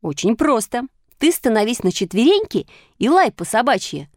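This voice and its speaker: An excitable, bossy schoolboy, as a woman puts him on in a storybook reading, his raised boyish voice jumping about lively. The sound is dry and close. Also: a little high, moderate pace, dry recording, pitched above the performer's own voice. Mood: eager.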